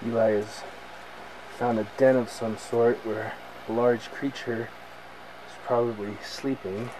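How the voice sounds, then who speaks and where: Unhurried and fairly even in tone, a man with a mid-range voice records himself on a forest trail with a handheld camcorder. His jokey hiking commentary includes playful mock-dramatic asides, captured in noisy outdoor audio.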